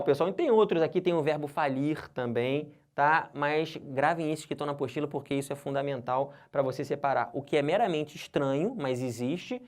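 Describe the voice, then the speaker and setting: A Brazilian man teaching a grammar lesson to exam candidates. He talks in a colloquial way and keeps checking in with his students. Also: on the high side. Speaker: exam-prep Portuguese teacher.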